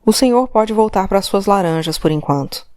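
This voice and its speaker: A woman's voice: medium pitch, animated, fairly quick, a little mellow, dry recording, natural voice. A woman reading an audiobook, voicing a male police commissioner who questions insistently and presses for the truth. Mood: pressing. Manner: insistent, interrogating, demanding. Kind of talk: audiobook character voice.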